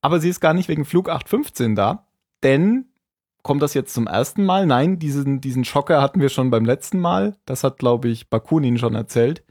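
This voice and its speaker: A man's voice: mid-range voice, animated, moderate pace, a little mellow, husky, dry recording, studio quality. A man hosting a podcast, casually recapping an episode in a conversational way. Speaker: podcast host.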